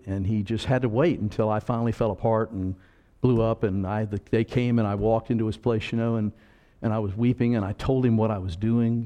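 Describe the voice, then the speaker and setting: An older man preaching a sermon to a congregation, blunt and rambling, with quiet asides and sudden loud emphatic lines. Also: on the low side. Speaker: pastor. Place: church in front of a congregation.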